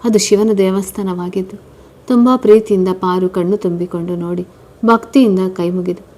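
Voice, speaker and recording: A woman storyteller reading out a domestic tale. She narrates in a steady, even way. Her pitch is average for a woman. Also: moderate pace.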